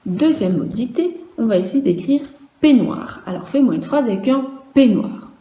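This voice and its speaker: A woman teaching young children a dictation lesson, speaking slowly and carefully, spelling out letters one by one and repeating each word. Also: on the high side, animated, roomy sound, music in the background, poor audio. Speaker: primary school teacher.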